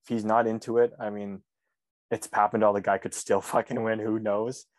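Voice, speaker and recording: A man's voice: fairly low pitch, flat delivery, moderate pace, no echo. A man co-hosting a podcast in casual chat, joking sarcastically and swearing casually. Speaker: podcast co-host.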